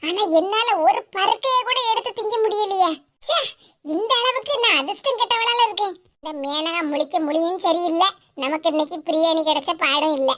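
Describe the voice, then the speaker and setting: A woman's voice: very high-pitched, brisk, a bit bright. A woman voicing a scheming, gossipy older woman in a cartoon, with a Tirunelveli Tamil accent. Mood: grumbling. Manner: gossiping, grumbling.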